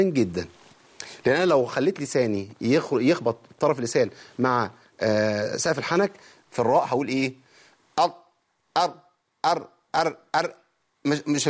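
A man with an Egyptian accent teaching Quran recitation rules. He often asks a question and answers it himself, and he demonstrates the sounds as he goes. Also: medium pitch. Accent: Egyptian Arabic. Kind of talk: lecture on recitation.

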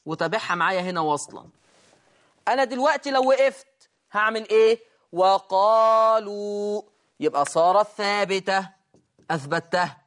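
A man with an Egyptian accent teaching the basics of Quran recitation in a lesson. He explains step by step and often asks whether his listeners follow. He stretches out verses in a slow chant to show each rule. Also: high voice. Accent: Egyptian Arabic. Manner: repeatedly asks "right?" to check understanding. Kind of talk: online tajweed lesson.

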